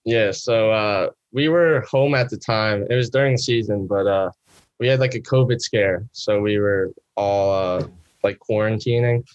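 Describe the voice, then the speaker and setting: A man's voice: on the low side, normal speed, clear, resonant tone, no echo, lo-fi sound. A young man, a college student guest on a podcast, telling a story casually with lots of fillers and a self-deprecating laugh. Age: young adult. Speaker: guest, college baseball player.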